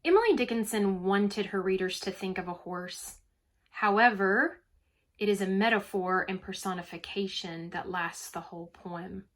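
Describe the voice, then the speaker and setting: A woman teacher gives a recorded poetry lesson, explaining carefully and stressing words to bring out the rhythm. Her voice is medium in pitch, a bit bright, and moves at a normal speed.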